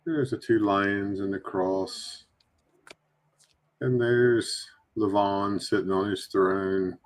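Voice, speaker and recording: Man, coin stream co-host, lowish voice, teasing banter. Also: fairly even intonation. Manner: teasing, quick banter between coin descriptions. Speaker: livestream coin seller. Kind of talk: casual livestream chat.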